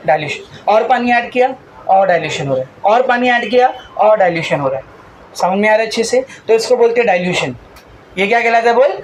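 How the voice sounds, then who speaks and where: A man's voice: high-pitched, poor audio. A male chemistry teacher lectures a class and drills them in call-and-response fashion. He throws out a question and supplies the answer himself, again and again, and speaks to his students fondly as "beta". A faint noise sits behind his voice. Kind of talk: classroom lecture mixing Hindi and English terms.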